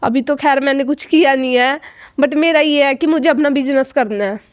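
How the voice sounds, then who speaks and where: A young woman with a high voice tells her story in a podcast interview. She sounds choked up, close to tears, and halts often, filling gaps and restarting. The sound is dry and close, with no room in it. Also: moderate pace, dry recording. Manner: hesitant, many fillers and restarts. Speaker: fashion design student.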